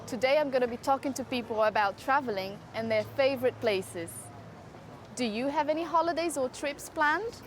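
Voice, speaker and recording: A woman's voice: high-pitched, normal speed, slight background noise. A woman from Brazil asking people friendly questions in street interviews.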